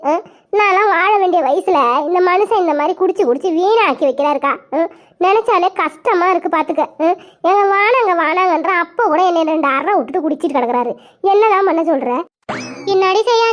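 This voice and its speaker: A woman voicing a put-upon young village housewife in a cartoon, grumbling and lamenting, on a dull lo-fi recording. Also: very high-pitched.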